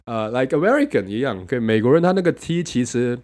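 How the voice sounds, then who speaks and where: A man's voice: mid-range voice, sing-song, fairly quick, darkish tone. Male host, casual bilingual chat, mid-range voice, playful sound demos. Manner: mixes Mandarin and English, demonstrates sounds playfully.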